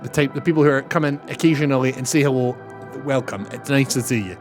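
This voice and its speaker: A man's voice: medium pitch, quick pace. Chatty streamer guy. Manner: chatty, talks to his chat, ends turns with "over". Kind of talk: casual chat while gaming. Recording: game music loud behind.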